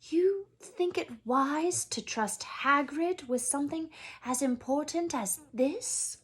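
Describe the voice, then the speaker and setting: A woman's voice: sits high, slow pace, pitched above the performer's own voice. A woman voicing a stern, anxious older witch professor from a storybook, emphatic and incredulous. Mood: doubtful.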